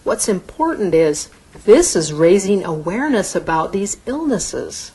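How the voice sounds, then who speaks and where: A woman's voice: mid-range voice, very animated, a little slow, mellow, slightly rough, low-quality recording. A middle-aged woman physician giving a conversational medical lecture to an audience, explaining in a plain, easygoing way. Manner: explanatory, conversational, occasional restarts.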